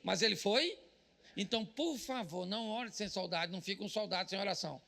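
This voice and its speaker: A man with a Brazilian Portuguese accent, a pastor giving a comedic sermon at a business event, joking loudly and mimicking people praying. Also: sits high, brisk, gravelly, big-room sound.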